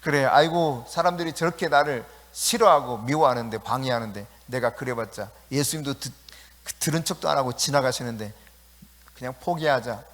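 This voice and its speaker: A man's voice: mid-range voice, a little fast, a bit bright, big-room sound, natural voice. A man putting on a resigned blind beggar. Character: despairing blind male beggar, self-pitying.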